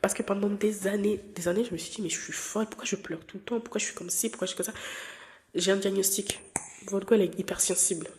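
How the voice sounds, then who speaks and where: Slight background noise accompanies a mid-range, steady, darkish voice delivered at a quick pace. The speaker is a twentysomething podcast host whose first language isn't French, rambling through a candid, playful personal chat with lots of fillers and restarts.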